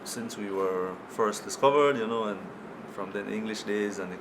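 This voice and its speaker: A man with a Belizean Creole accent speaks in a slightly low voice, casually explaining and giving example phrases. He peppers his talk with "you know". An air-conditioning hum and room noise sit clearly behind him. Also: normal speed. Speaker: guest teaching Creole phrases.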